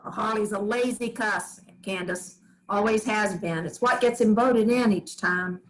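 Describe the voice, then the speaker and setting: For a staged play reading, a woman voices Grams, a weary, stubborn old farm widow, in dry, wry, plainspoken rural talk. Her mid-range voice sounds natural and a little slow. The low-quality recording carries slight background noise.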